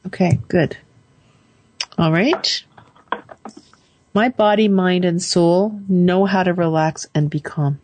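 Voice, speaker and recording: A woman hosting a call-in show, calmly leading a caller through affirmations phrase by phrase. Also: on the low side, a little hiss or hum. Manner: calm, slow, leads phrases for repeating. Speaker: radio show host and coach.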